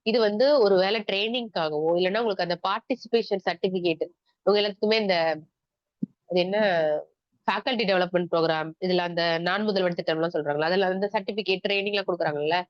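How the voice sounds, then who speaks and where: A woman's voice: mid-range voice, fast, dry recording. A woman with a Tamil accent teaching an exam-prep class, explaining step by step and asking the class questions. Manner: mixes English terms into Tamil speech. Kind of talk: online exam-prep lecture. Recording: dry, muffled lo-fi recording.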